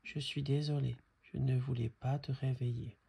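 A man's voice: medium pitch, flat delivery, normal speed, heavily acted. Brise, a man voicing a shy little wind girl. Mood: timid. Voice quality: gravelly, husky. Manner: soft, apologetic. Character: gentle young female wind, shy.

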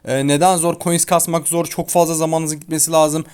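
A man's voice: on the high side, level tone, fairly quick, darkish tone, clear, resonant tone. A young man hosting his gaming channel, talking casually over his gameplay, often exasperated and complaining in slangy chatter, recorded at home. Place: home room near an open window. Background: a child heard outside.

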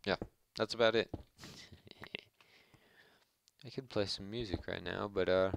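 A man's voice: low voice, steady tone, unhurried, creaky, slight background noise. A man giving casual, rambling gameplay commentary with a harsh voice, joking and chatting with his viewers. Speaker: let's play host.

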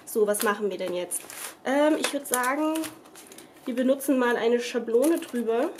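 Speaking at a moderate pace in a slightly high voice, a young woman with a cold chats her way through a casual crafting tutorial at home, rambling and correcting herself, full of fillers. She's a craft vlogger filmed by a camera over the table while she stays off screen. A faint hiss lingers beneath the recording.

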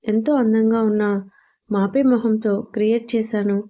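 A woman's voice: on the high side, fairly even intonation, a little slow, warm tone, muffled recording, natural voice. A woman narrator voicing a playful, mischievous young woman in love in a storybook audio drama. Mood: teasing. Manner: chatty and mischievous.

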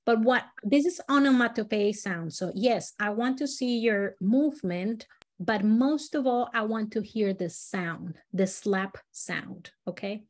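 A woman from Latin America leading a storytelling workshop, explaining exercises in an animated, demonstrative way. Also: a little slow. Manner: animated, demonstrative, swings pitch and loudness while modeling voices. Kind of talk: teaching a live workshop.

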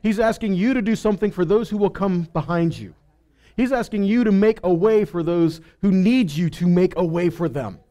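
On a small indoor stage, a thirty-something pastor teaches through a headset mic, reading scripture and gesturing as he goes. He has a high-pitched, dark-toned voice and keeps a moderate pace.

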